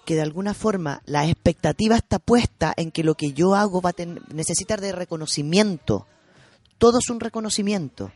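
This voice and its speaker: A woman's voice: on the low side, expressive, brisk, a little mellow, no echo. A woman with a Chilean accent telling a personal story in casual conversation, emotional and self-revealing, repeating words for emphasis. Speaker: podcast guest sharing a personal story.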